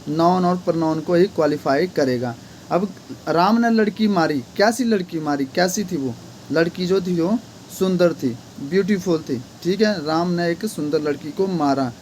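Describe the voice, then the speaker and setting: A man's voice: a little high, moderate pace, a little mellow, slight background noise. A man teaching an English grammar lesson, repeatedly asking questions and answering them himself.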